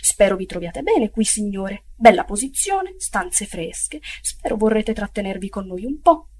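Figure: fawning, chatty male prison food-seller, read by a woman. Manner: obsequious and gossipy, with loud, emphatic lines. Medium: audiobook. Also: mid-range voice, very animated, unhurried, slight background noise.

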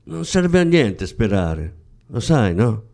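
A man voicing a weary, resigned man leaving his lover, speaking tired and low-key. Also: very animated, takes it slowly, creaky, a little mellow, full character voice.

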